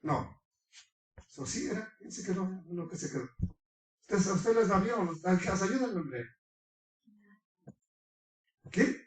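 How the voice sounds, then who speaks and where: A man preaching a fervent sermon, quizzing his congregation and breaking into shouts. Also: sits high, expressive, unhurried, pauses often. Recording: echoey room, far from the mic.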